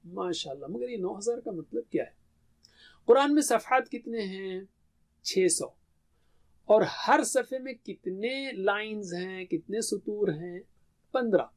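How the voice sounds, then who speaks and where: Urdu-speaking man lecturing on Arabic grammar. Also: sits high. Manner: explains step by step, asks and answers own questions. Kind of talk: classroom lecture on Quranic grammar.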